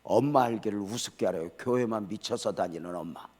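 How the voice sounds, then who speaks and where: A man's voice: fairly low pitch, brisk. Older male pastor preaching animatedly. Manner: animated, quizzes the congregation and calls for responses; casual storytelling asides. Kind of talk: sermon. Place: church sanctuary.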